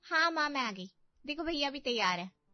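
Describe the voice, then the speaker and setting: A woman's voice: high voice, animated, normal speed, dry recording. A woman playing a sarcastic young unmarried sister-in-law who mocks her brother's wife. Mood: snippy. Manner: sarcastic, mocking. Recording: dry, muffled, faint background music.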